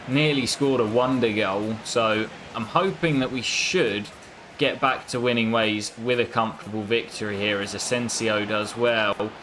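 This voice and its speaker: Over a noisy background, this YouTuber's lowish voice narrates his football video game career. His gameplay commentary bursts into exasperation whenever things go badly.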